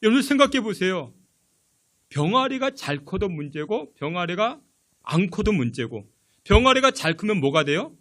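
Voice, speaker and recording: A man preaching a sermon in a high, bright-edged voice that rises and falls widely. He tells his stories with lively energy and keeps turning to the congregation with questions. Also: normal speed. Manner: animated storytelling with rhetorical questions. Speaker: pastor.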